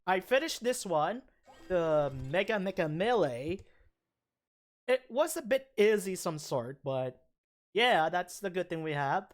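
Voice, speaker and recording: A man streaming his game rolls in casual commentary, halting and rambling between excited bursts, with a morning voice. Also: high-pitched, soft background music. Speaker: gaming streamer. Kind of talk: casual gacha-roll commentary.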